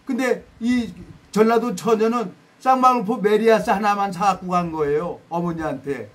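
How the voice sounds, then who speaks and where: Korean guy preaching, high voice, reads scripture then tells stories, acts out the voices. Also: moderate pace. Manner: storytelling, dramatic quoted voices, self-deprecating asides. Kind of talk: sermon.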